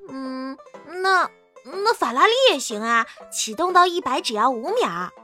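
A spoiled young girlfriend, voiced by a woman, with a very high, bright voice. She pleads coyly and drags her words out. Her pitch swings up and down as she whines. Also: big pitch swings, faint music behind, full character voice. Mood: coy pleading. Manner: coy, pleading, drawn-out.

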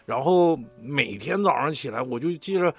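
A man with a Northeastern Mandarin accent, telling a story on a casual podcast in a profane, animated way. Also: medium pitch, moderate pace, slightly rough, faint music behind. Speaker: podcast co-host.

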